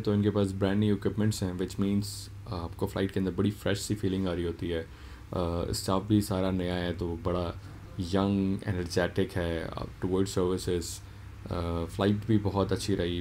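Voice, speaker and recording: Holding his phone at arm's length, a young man from Pakistan with a low-sitting voice casually reviews his trip for the camera, dropping in English phrases. The setting moves from airport terminal to plane cabin, both noisy.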